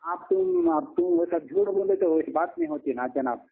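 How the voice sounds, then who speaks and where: A man's voice: sits high, wildly swooping pitch, moderate pace, gravelly. A man debating over a phone call who interrupts often and repeats himself. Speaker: debater answering the questions. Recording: tinny phone line.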